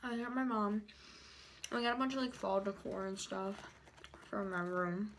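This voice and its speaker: A young adult woman vlogs in a loose, informal chat, chewing while she talks. Her voice sits at a medium pitch and her sentences wander and halt. There is faint noise in the recording, with small clicks. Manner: informal, halting, loosely rambling. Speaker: YouTuber vlogger. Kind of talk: casual chat to camera during a mukbang.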